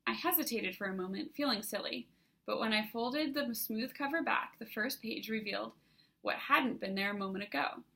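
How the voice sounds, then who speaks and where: A woman, the author, narrating her own young adult fantasy novel in the first person with an even storytelling delivery. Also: on the high side, moderate pace, gravelly.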